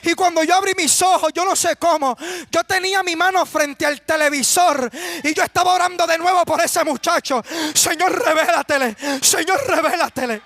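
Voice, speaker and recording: A man's voice: very high-pitched, fairly even intonation, moderate pace, vocal fry, a bit bright, no room sound. A young man preaching an impassioned testimony sermon, fervently calling out to the young people listening. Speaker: preacher giving a testimony to youth.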